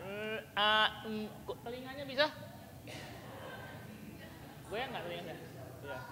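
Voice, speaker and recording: A man teaching a public speaking workshop on telling stories to children, talking in an animated, playful way and breaking into acted storytelling. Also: high-pitched. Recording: long hall reverb, faint room noise.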